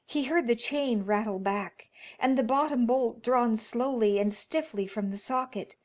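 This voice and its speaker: Slow-paced woman narrating a horror story. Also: fairly high pitch. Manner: dramatic, expressive, dropping to hushed tones.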